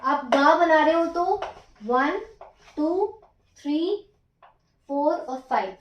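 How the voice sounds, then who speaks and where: A woman walks through a writing lesson stroke by stroke, counting each one aloud and repeating each step patiently. Her voice sits high and unhurried. The recording is dull and echoey, like a small home room. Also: lively intonation, slight background noise. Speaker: Japanese teacher.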